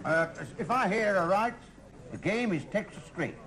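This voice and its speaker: Cocky young male gunslinger, sitcom cowboy talk, high and very animated. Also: moderate pace, a crowd in the background. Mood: courteous. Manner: mock-western cowboy talk. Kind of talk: TV sitcom acting.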